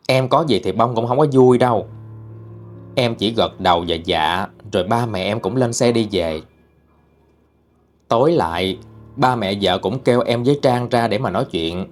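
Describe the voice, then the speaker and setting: A man's voice: lowish voice, measured pace. A man narrating a first-person ghost story in a plain, mournful way. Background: faint music.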